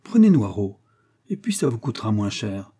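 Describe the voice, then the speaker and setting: A man's voice: fairly low pitch, big pitch swings, normal speed, warm tone, husky. A man voicing a chatty, eager elderly village woman who coaxes and insists. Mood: coaxing. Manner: coaxing, insistent.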